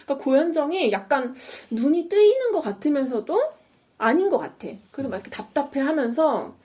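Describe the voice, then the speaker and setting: A woman hosts a talk podcast in a casual, storytelling manner. Her voice sits a little high and swings widely in pitch as she acts out the lines she retells. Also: expressive, fairly quick, mellow. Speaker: podcast host.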